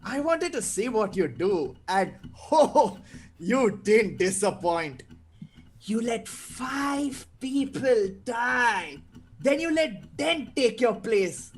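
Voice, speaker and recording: A woman's voice: a little high, sing-song, slow pace, breathy edge, exaggerated voice. A woman playing a gleeful, taunting male criminal madman in a script read, drawling theatrically. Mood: taunting, sly. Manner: theatrical, drawling, breaking into cackles. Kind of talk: table read of a film script. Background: live guitar music.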